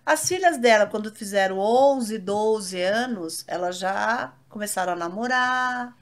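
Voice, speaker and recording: A woman hosting a casual faith chat, telling personal anecdotes with animated retelling. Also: mid-range voice, unhurried.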